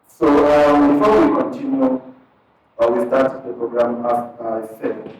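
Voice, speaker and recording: Here the Ghanaian imam and parish missionary is very animated, his mid-range voice creaky, as he addresses a community event audience. The recording is muffled, with faint music behind and heavy echo from the hall, and he's far from the mic. Still conversational and unhurried, he chops his phrases into short bits.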